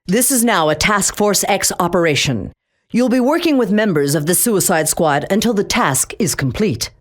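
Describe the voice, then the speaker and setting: A woman's voice: mid-range voice, lively intonation, normal speed, close to an everyday voice. An actress playing Amanda Waller, a stern, commanding female government agency chief in a video game, with a cold, clipped, threatening delivery.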